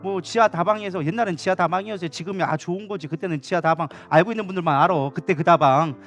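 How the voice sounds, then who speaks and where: A man with a high voice preaching quickly and passionately, talking to his congregation in a conversational way. The sermon is delivered in a church sanctuary during an evening service, with faint instrumental music behind him. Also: fairly bright tone, lo-fi sound. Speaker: pastor.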